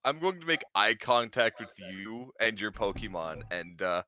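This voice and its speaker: A male player at a tabletop game talks casually and playfully, with swearing. His voice is on the low side yet bright and forceful, and his pitch moves around a lot. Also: expressive, normal speed, slight background noise.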